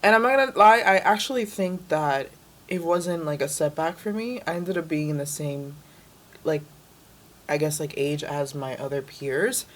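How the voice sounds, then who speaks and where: A young woman from the Dominican Republic, raised in New York City, chats casually as an interview guest, sprinkling in lots of "like" fillers. Her voice sits low and moves at normal speed.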